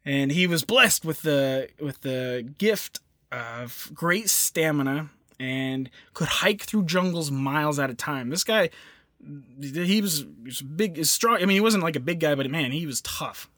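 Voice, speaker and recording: A man co-hosting a podcast, telling a history story in a casual, animated way with quick asides and easy laughs. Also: fairly high pitch, no echo, clean studio sound.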